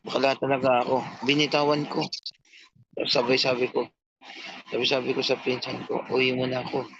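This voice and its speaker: A man's voice: medium pitch, little pitch movement, normal speed, muffled recording, background noise. A man telling a long, rambling, profane story in a casual chat, quoting himself and others.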